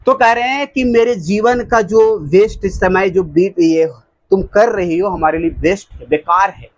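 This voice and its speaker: Guy teacher with a pretty high voice, takes it slow, reads the poem word by word then jokes around explaining it. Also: low-quality recording. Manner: reads English lines very slowly, then explains with jokes and chuckles. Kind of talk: Hindi-medium class lecture explaining an English poem.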